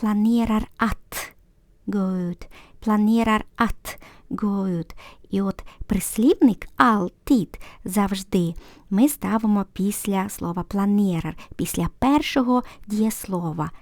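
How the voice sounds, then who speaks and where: A woman with a medium-pitched voice gives a language lesson, patiently going over grammar and saying example sentences slowly and clearly. No room sound can be heard.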